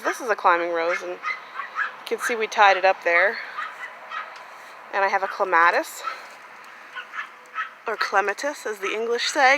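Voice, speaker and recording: Outdoors in a sunny garden at home, a woman with a mid-range voice films a casual walk-through vlog on her handheld phone. She talks loosely with plenty of fillers, and background noise can be heard.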